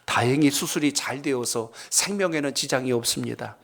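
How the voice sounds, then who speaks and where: A man acting out a calm, gentle surgeon who speaks politely and reassuringly. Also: medium pitch, fairly quick, gravelly.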